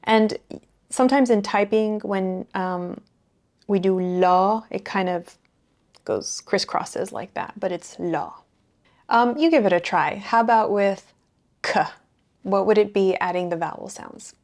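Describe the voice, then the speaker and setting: A woman's voice: medium pitch, measured pace, a little mellow. A woman teaching a beginner language lesson, patiently repeating sounds and words one at a time and sometimes thinking aloud with fillers.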